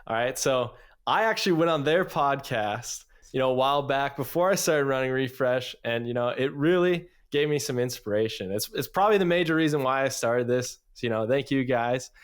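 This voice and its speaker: A man's voice: medium pitch, fairly quick, clean tone. A young man hosting a podcast, introducing guests and segments in an upbeat, slightly rambling way. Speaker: podcast host.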